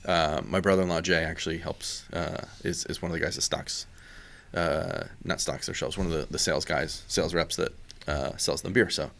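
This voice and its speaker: Low-voiced guy chatting on a beer podcast, loose and rambly, lots of ums. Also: moderate pace, gravelly. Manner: relaxed, rambling with many fillers. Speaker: podcast co-host. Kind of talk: casual chat.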